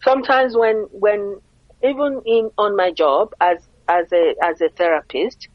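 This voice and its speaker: Here a middle-aged Nigerian woman, her Nigerian accent clear, talks a little slowly in a mid-range voice. She's an earnest interview guest in a conversational exchange who frequently asks rhetorical questions. There's no room sound, and the high frequencies are cut off.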